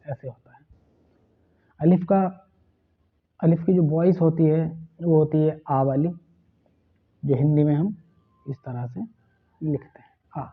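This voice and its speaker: Man, language teacher, slow and patient, tinny phone-like audio. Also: on the high side, steady tone, breathy edge. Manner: slow, patient spelling out of letters and sounds. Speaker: Urdu teacher. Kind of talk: online language lesson.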